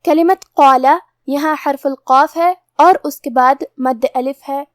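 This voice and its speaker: Recitation rules are explained step by step by a woman teacher whose voice is high and light. Her intonation stays fairly even and her delivery is methodical and measured. The audio sounds dry and close, with no echo from the room.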